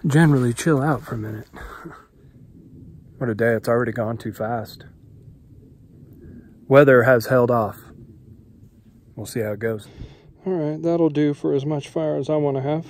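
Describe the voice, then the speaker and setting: A middle-aged solo backpacking vlogger talks into a phone held at arm's length at a forest camp by a mountain lake. His mid-range voice moves at normal speed with long pauses and slight background noise, easygoing at first but growing excited in the storm.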